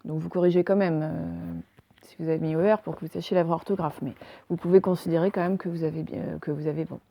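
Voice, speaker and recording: A woman teacher giving a recorded spelling lesson, dictating words slowly and spelling them letter by letter. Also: lowish voice, fairly even intonation, creaky, highs cut off. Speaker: primary school teacher.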